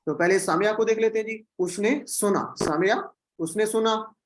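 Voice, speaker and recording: A male teacher leads an online class over a video call, calm and patient. He drills verb forms again and again, slowly repeating each pattern for his students. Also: high voice, rough recording. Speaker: Quran Arabic teacher.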